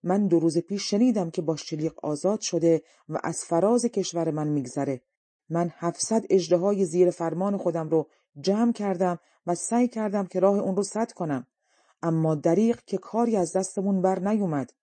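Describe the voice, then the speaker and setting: A woman's voice: on the low side, no room sound, lightly acted. A woman voicing a commanding male dragon king in an audiobook story. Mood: alarmed. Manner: loud, commanding.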